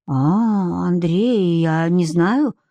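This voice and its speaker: A woman's voice: on the low side, extremely slow, mellow, no echo. A woman voicing a weary, defiant young woman. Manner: ironic and cutting, flares into anger.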